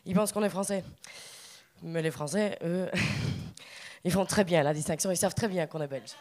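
A woman from Belgium with a Belgian French accent, performing a stand-up set on stage with deadpan, punchy asides. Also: lowish voice, moderate pace. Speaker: stand-up comedian.

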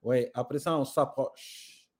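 A man's voice: medium pitch, steady tone, slow, darkish tone, slightly rough. A middle-aged man from Senegal with a Senegalese French accent, a guest speaking thoughtfully and with conviction, telling parables. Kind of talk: reflective conversation.

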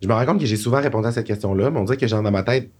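Fast-talking young Quebec man. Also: fairly low pitch, husky. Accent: Quebec French. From Saguenay, Quebec. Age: 20s. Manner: animated storyteller, laughs often. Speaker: podcast guest. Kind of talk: casual chat.

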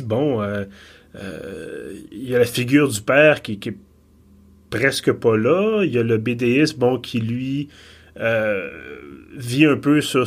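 A man in his thirties with a Quebec French accent, discussing a film thoughtfully, often stopping to restart his sentences. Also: medium pitch. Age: 30s. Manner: thoughtful, halting with repeated restarts.

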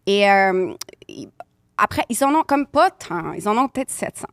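A woman playing a rich young Los Angeles influencer and DJ who speaks halting French with an American accent, dropping English words and valley-girl fillers. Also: mid-range voice, big pitch swings, dry recording, studio quality. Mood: breezy. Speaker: guest. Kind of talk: improvised comedy interview.

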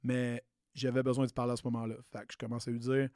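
Fast-talking and flat in delivery, this late-thirties Québécois personal trainer tells a story in an easygoing, chatty podcast style peppered with English slang. His mid-range voice has a darkish tone, and the sound is dry and clean, like a studio.

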